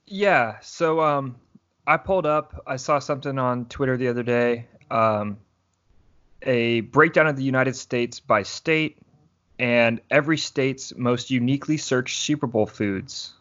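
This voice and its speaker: A man's voice: medium pitch, unhurried, a bit bright, muffled recording. A man guesting on a casual podcast, laid-back with dry humor.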